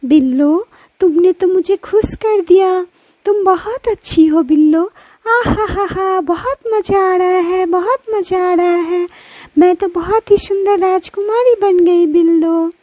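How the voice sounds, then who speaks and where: A sweet, kind young girl from a children's cartoon talks excitedly in a very high voice, as a woman acts her out. The tone is mellow and the recording is dry. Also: measured pace, no echo. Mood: delighted.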